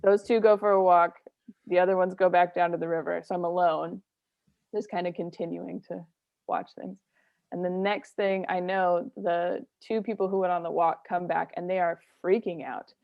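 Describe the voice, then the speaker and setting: A woman's voice: lowish voice, fairly even intonation, normal speed, creaky, no echo, narrow, tinny audio. A woman comedian telling a story in casual talk, often laughing and acting out what others said. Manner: laughs often, acts out quoted voices. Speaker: comedian guest.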